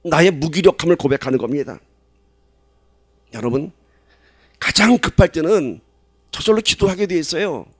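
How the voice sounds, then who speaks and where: A pastor giving a sermon in a conversational way, asking the congregation questions and rising to loud, emphatic stretches. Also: male voice, a little high, animated, normal speed, pauses often, breathy edge, no room sound, clean studio sound.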